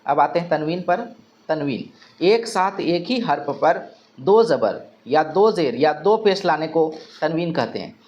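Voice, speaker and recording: A man's voice: on the high side, expressive, measured pace, darkish tone, muffled recording. A male teacher giving an exam-prep grammar lesson, asking questions and answering them himself, repeating key terms.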